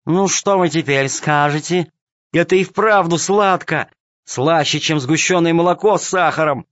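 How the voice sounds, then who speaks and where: A man doing a lame, sharp-tongued cat lady. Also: on the high side, normal speed, dry recording, pitched above the performer's own voice, lightly acted. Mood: coaxing. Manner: scolding, teasing. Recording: dull, dry lo-fi recording.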